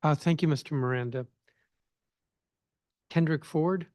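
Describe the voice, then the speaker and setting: A man chairing a hearing, calling witnesses in a brisk, formal way. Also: on the high side, a little mellow, no room sound, clean studio sound.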